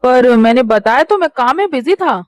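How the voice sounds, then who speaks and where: A woman's voice: sits high, animated, moderate pace, dry recording, pitched below the performer's own voice. A woman voicing a teasing young husband who is busy with office work, coaxing his sulking wife in a fan audio drama.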